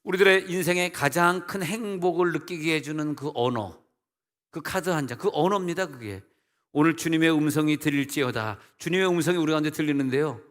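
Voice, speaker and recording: Older korean pastor guy, chatty jokey sermon, kinda high voice, long echo. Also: brisk, fairly bright tone. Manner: folksy, humorous preaching with imitated dialects. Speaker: senior pastor.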